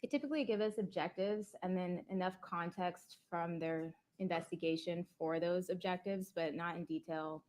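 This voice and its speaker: A woman police detective giving measured, factual courtroom testimony. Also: lowish voice, a little mellow.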